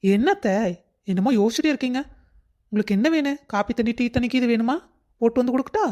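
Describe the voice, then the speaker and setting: A woman's voice: a little high, quick pace, warm tone, natural voice. A woman voicing a sly, sweet-talking young daughter-in-law. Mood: scheming. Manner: sweet-talking, with fake tearful pleading. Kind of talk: cartoon voice acting.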